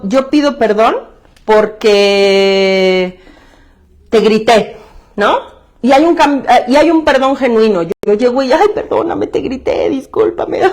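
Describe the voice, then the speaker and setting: A woman's voice: on the high side, a little mellow. A woman with a Mexican Spanish accent giving a candid testimony talk to a self-help group, blunt and emphatic, swearing freely and repeating phrases for emphasis.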